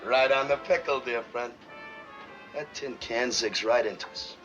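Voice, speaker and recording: A man's voice: medium pitch, measured pace, natural voice. A man playing a slangy, breezy American submarine crewman with a cocky, wry streak in a 1950s war film. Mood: wry, admiring. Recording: dull old film soundtrack, music behind.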